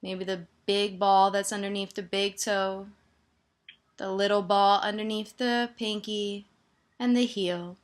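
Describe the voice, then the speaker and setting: Guiding listeners through a body scan, this woman teaches meditation in a gentle, soothing way. Her voice sits in the middle range, her delivery stays flat, and she lets silences fall between directions.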